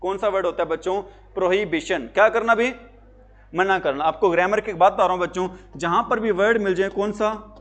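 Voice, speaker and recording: A man's voice: high-pitched, a little fast, a bit bright. A male teacher giving a classroom lecture, asking questions and answering them himself. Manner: asks questions and answers them himself, repeats key words.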